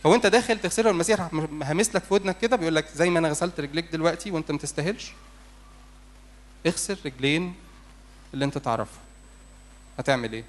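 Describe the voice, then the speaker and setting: A male priest with an Egyptian Arabic accent gives a church sermon at a rapid clip. His voice sits a little high for a man. He pleads with the congregation and keeps asking them questions. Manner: urgent, pleading, asks the congregation rhetorical questions.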